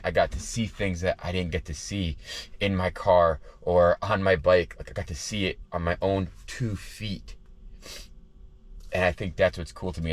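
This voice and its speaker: A man's voice: sits low, no room sound. A man talking casually and earnestly to his viewers while out running, repeating phrases for emphasis. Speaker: running vlogger. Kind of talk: casual vlog talk to viewers. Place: outdoors by the ocean.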